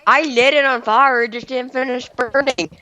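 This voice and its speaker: A man's voice: extremely high pitch, fairly even intonation, moderate pace, sharp tone, lo-fi sound. A teenage boy playing Minecraft with friends, goofing around with silly jokes. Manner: goofy, giggly joking. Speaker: Minecraft let's-play player. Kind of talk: casual gaming banter.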